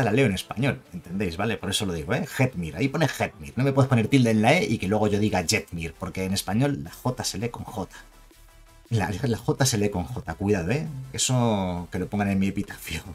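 A man with a Spain Spanish accent giving a chatty, emphatic card game review, with jokes and asides. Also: lowish voice. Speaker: card game video creator. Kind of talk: casual card review commentary.

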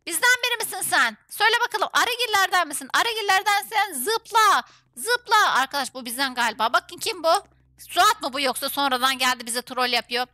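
A woman streamer giving excited commentary over an online game, urging her teammates on with rapid repeated words. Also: high-pitched, no room sound.

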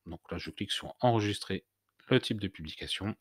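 Male tutorial host, low-pitched, halting delivery with fillers, dry close-miked sound. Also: no echo. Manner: hesitant, many "heu" fillers and restarts. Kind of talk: screen-recorded software tutorial.

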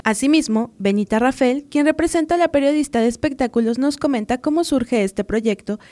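A woman reporter from Mexico reading a scripted news voice-over in a measured, formal way. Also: high voice, dark tone, a little hiss or hum.

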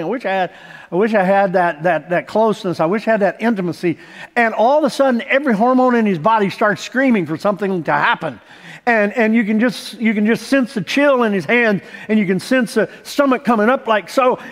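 A middle-aged man preaching on a large church stage, telling stories and building toward emphatic points. His voice sits high for a man. The hall's long reverb trails behind every phrase. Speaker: pastor. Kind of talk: sermon.

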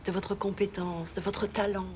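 Une actrice jouant une patronne d'agence persuasive et ironique, dans une série télé. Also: female voice, mid-range voice, flat delivery, normal speed, a little mellow, a little hiss or hum, close to an everyday voice. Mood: coaxing. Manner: coaxing, wry. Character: persuasive female agency boss. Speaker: boss of an insurance investigation firm.

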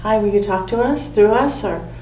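A woman guiding a séance in casual, halting speech, trailing off in the middle of her thoughts. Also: medium pitch, a little mellow, a little hiss or hum. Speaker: séance leader, medium. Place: dark cluttered room indoors on a ship. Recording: humming, echoey, distant camera mic.

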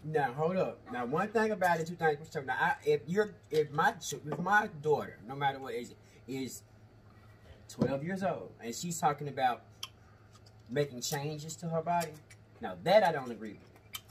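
A man in his thirties giving opinions in casual chat, halting and repeating himself for emphasis. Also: on the high side, animated, recorded from a distance, noisy background. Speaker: co-host, the host's husband. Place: indoor studio, seated at a table of food.

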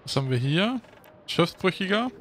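A man giving casual gameplay commentary as a Let's Play host, thinking aloud in a relaxed, chatty way. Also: sits high, normal speed, slight background noise.

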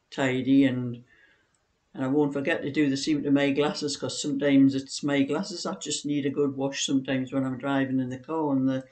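Seated on her living-room sofa, a woman in her sixties who makes knitting videos talks in a relaxed, meandering, anecdotal way. She has a low, warm voice.

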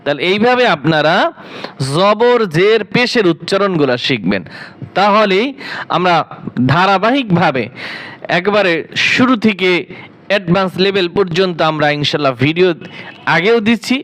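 A man's voice: high voice, expressive, fairly bright tone. A man teaching Quran reading, patiently drilling each letter sound one by one and correcting common mispronunciations. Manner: deliberate, spaced syllables. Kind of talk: slow letter-by-letter recitation drill.

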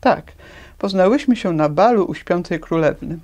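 A woman's voice: lowish voice, lively intonation, normal speed. Woman reading as a cheerful little red-hooded girl. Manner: warm, inviting.

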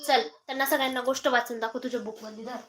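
A woman's voice: a little high, steady tone, very fast, a bit bright, a little hiss or hum. A mother hosting a casual live stream, coaxing her small child with questions.

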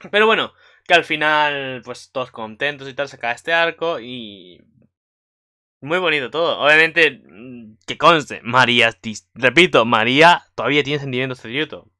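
A man's voice: mid-range voice, moderate pace. Rambling guy recapping anime. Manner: rambling, filler-heavy, excitable. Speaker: anime commentary vlogger. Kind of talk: casual episode recap.

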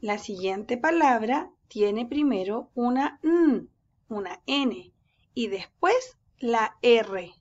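Slow, patient woman teacher. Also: on the high side, animated, a little mellow, highs cut off. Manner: slow, patient, drawing words out syllable by syllable. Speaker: first-grade teacher. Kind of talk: reading lesson for young children.

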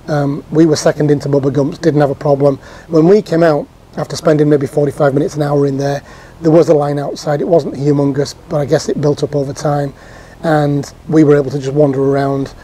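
A man's voice: on the high side, mellow, breathy edge. A man in his fifties giving a casual, chatty recap to camera from an outdoor patio sofa, with frequent ums and restarts. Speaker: theme park vlogger.

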